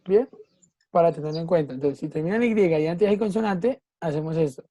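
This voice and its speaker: An English teacher with a low-leaning, dark-toned voice speaks briskly. She patiently walks an online class through a grammar rule, checking often that her students are keeping up.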